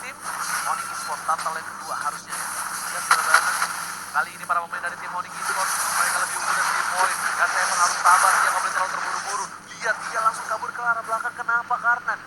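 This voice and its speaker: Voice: mid-range voice, fairly even intonation, fast talker, very noisy. An esports caster gives dramatic, exclamatory play-by-play in the manner of a fighting game announcer. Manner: dramatic, exclamatory, swinging into shouts on big plays. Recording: loud music and game sound behind.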